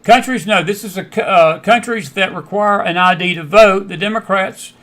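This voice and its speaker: A man's voice: sits high, normal speed, fairly bright tone. An American man hosting a political commentary show, emphatic and prone to repeating his phrases for stress. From United States. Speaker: host; Bible teacher.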